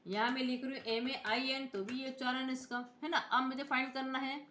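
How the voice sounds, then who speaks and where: Bright high-voiced woman teaching software. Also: fairly even intonation, a little fast, a little hiss or hum. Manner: explains step by step, spells out letters, often checks in with viewers. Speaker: computer teacher. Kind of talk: screen-recorded software tutorial. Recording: echoey room.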